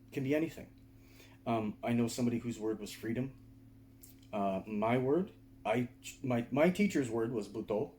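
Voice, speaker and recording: A male teacher of meditation and martial arts, with a mellow, mid-pitched voice, gives a casual video lecture to camera while seated indoors. He explains conversationally, repeatedly checking in with listeners through "right?" and "okay?"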